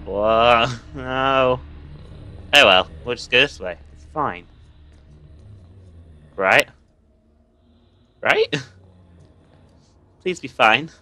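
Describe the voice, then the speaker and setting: A man's voice: mid-range voice, slow, long pauses, pushed and bright, smooth. A young man, nervously commenting and swearing while playing a horror game for viewers. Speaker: gaming video host.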